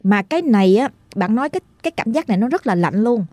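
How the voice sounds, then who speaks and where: A woman's voice: on the high side, lively intonation, a little mellow, dry recording. Chatty woman telling ghost stories. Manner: chatty, dramatic, drawn-out. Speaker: ghost story narrator. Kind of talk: casual storytelling.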